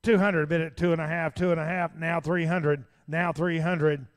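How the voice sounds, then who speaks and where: A man working as an auctioneer, calling bids in a rapid, folksy, repetitive chant. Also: on the high side, fairly even intonation, clear, resonant tone.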